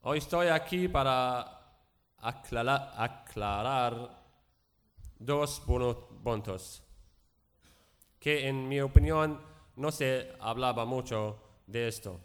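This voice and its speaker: This guest speaker, a native Arabic speaker from Syria's Raqqa region, testifies publicly with a Syrian accent. His voice is mid-range, clear and resonant, but his Spanish is halting and broken as he repeats himself and pauses to find the right words.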